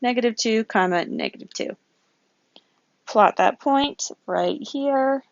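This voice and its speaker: A woman's voice: a little high, slow, no room sound, lo-fi sound. A woman teaching a recorded geometry lesson, working problems aloud, counting grid squares and correcting herself as she goes. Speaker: math teacher.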